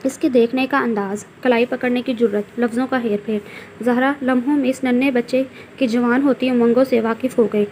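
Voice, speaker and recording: A woman's voice: a little high, steady tone, a little fast, darkish tone, slight background noise. Woman narrating a novel aloud. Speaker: story narrator.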